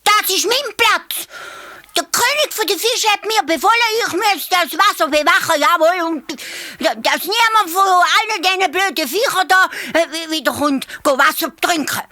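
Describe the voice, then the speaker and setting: A woman's voice: very high-pitched, moderate pace, bright, forceful tone, pitched above the performer's own voice. A woman with a Swiss German accent voicing a cheeky little male hare who stammers and blusters. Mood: blustering bossy.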